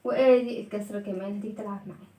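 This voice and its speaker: A woman's voice: medium pitch, fairly even intonation, very fast, mellow, roomy sound, recorded from a distance. A woman with an Egyptian Arabic accent teaching young children letter sounds through a story, stretching out each sound in a sing-song way and praising often. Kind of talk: storytelling phonics lesson for children.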